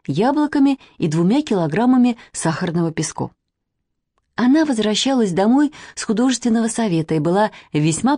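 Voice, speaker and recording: Lively woman narrating a storybook. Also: mid-range voice, no echo, clean studio sound. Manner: lively and playful, with a wide range of expression. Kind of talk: expressive storybook reading.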